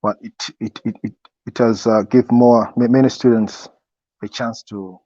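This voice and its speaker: A young man in a casual interview, giving advice as a student guest in a halting way, often repeating his words. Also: mid-range voice, steady tone, warm tone. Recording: echoey, dull lo-fi sound.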